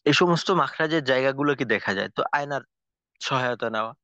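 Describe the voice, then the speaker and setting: Measured man teaching a lesson, dry lo-fi. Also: mid-range voice, sharp tone, clear, resonant tone, dry recording. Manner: measured, explanatory, with frequent pauses and fillers. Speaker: tajweed teacher. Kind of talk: recorded lesson lecture. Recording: dull lo-fi recording, dry.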